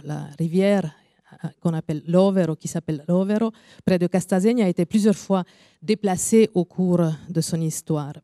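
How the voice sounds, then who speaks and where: A woman with an Italian accent, speaking as an invited guest, delivers a careful, measured formal talk with small pauses. Her voice sits low and warm. The sound is close and dry. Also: dry recording. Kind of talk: formal speech to an audience. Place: evening event venue.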